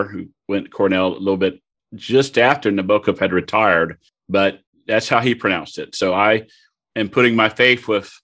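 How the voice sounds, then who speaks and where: A man's voice: sits low, a bit bright. A man co-hosting a podcast, explaining a novel in a conversational way. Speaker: podcast co-host. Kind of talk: casual literary discussion.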